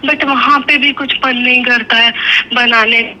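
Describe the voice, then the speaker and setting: A woman calling in for advice, speaking in a hesitant, halting way over distorted call audio that breaks up. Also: fairly high pitch, steady tone, bright, forceful tone, slight background noise. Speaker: caller seeking advice. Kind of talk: live call-in conversation.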